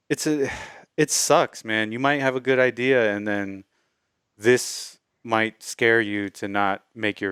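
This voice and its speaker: Male podcast co-host, relaxed and conversational, clean resonant tone, dry sound. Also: lowish voice, smooth, dry recording. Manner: easygoing, reads news quotes aloud. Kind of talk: casual chat.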